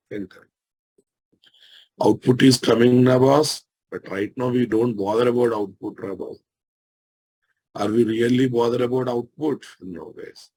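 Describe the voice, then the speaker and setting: A man with an Indian Telugu accent giving a live technical lesson as a software instructor, repeating each phrase and checking that listeners follow. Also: mid-range voice, poor audio.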